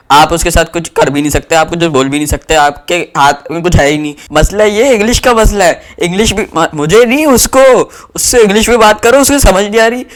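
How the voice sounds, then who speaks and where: Young man, from Pakistan, rambling animated storyteller, slightly high voice. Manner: rambling, animated, lots of fillers. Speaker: vlogger telling a travel story. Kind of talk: casual storytelling to camera.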